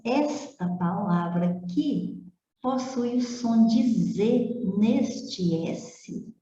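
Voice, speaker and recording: A woman's voice: mid-range voice, mellow. A woman teaching Portuguese, working through phonetics exercises in a methodical way and often checking in with the listener. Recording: dull roomy recording.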